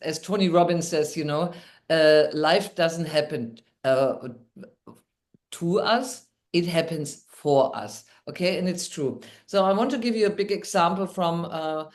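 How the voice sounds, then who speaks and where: A woman with a German accent, a guest on a podcast, telling her story in an upbeat way. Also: on the low side. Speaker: guest, midwife and NLP trainer. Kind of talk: podcast interview.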